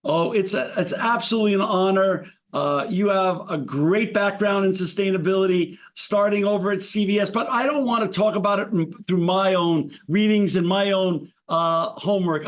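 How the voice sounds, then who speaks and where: A man from New York City hosting a podcast interview, enthusiastic and conversational with small restarts. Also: high voice. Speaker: podcast host. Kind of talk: podcast interview with read sponsor ads.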